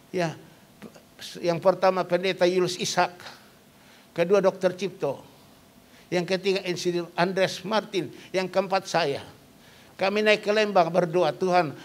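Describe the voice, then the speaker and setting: An older man delivers a sermon in a noticeably high voice. He preaches emphatically, repeating his key phrases and posing questions to the congregation before answering them himself. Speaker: pastor.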